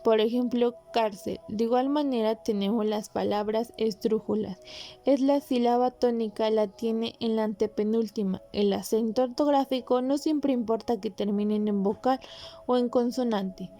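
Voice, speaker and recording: A woman hosting a podcast, calmly explaining Spanish grammar in a measured, instructive way with pauses. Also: on the high side, faint music behind. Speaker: podcast host.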